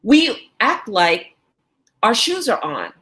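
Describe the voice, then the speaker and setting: A woman's voice: a little high, wildly swooping pitch, slow pace, sharp tone. A woman from New York hosts a wellness podcast as a life coach. She speaks in a conversational way, working through her points with everyday examples and acted-out asides. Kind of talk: casual podcast chat.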